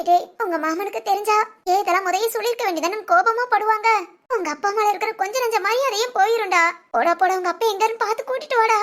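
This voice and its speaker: A woman voicing a worried middle-aged village mother in an animated family drama, talking in an anxious, hushed, pleading way. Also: very high-pitched, quick pace.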